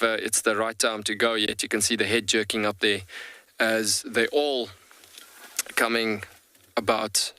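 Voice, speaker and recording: A man hosting a live wildlife safari, commentating on what is in view in a halting, repetitive way. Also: lowish voice, pushed and bright, no echo. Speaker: wildlife safari guide host.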